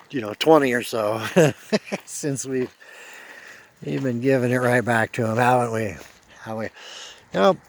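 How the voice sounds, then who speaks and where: A man talking casually to camera outdoors as a sports fan, exasperated and emphatic, repeating himself as he rants. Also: mid-range voice. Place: outdoors at sunset, walking his dog.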